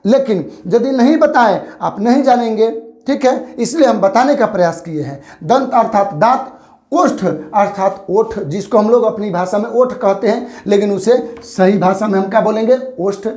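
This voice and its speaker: A man's voice: high voice, normal speed, a little mellow. Guy teaching grammar for exams, keeps asking then answering his own questions, roomy echo. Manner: explains by repeating and asking questions he answers himself. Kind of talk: exam-prep grammar lesson.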